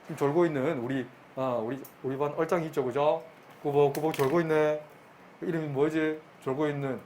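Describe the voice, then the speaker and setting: A middle-aged male math teacher lectures in a classroom with a slightly raised pitch. He talks briskly, teases his students and repeats his questions to them. A faint room noise sits behind his voice. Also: fairly even intonation, a little mellow.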